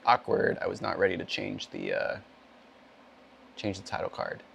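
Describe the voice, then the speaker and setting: Man, gravelly, hoarse and coughing, rambling casual streamer chat, self-deprecating, home gaming setup. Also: sits low, very animated, normal speed, fairly bright tone, slight background noise. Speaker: sim racing streamer.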